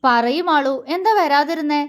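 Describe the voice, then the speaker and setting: A young male lover in an audio romance story, grave and measured in how he questions her, though soft underneath. A woman narrator puts him on, and her voice stays high even in this role. The reading is slow and unhurried. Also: natural voice. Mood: stern. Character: young man, stern but tender lover.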